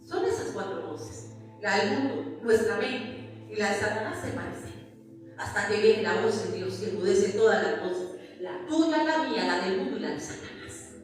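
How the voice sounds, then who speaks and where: A woman's voice: mid-range voice, big pitch swings, normal speed. A woman preaching a sermon with a Colombian accent, emphatic, asking the congregation rhetorical questions. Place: church hall. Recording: echoey hall, picked up from a distance, with faint music.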